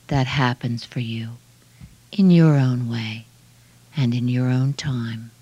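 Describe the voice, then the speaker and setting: A woman guiding a relaxation meditation in a soft, hushed, soothing voice with measured phrases that trail off breathily. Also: a bass voice, dry recording. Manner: slow, measured phrases with long pauses. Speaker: relaxation guide.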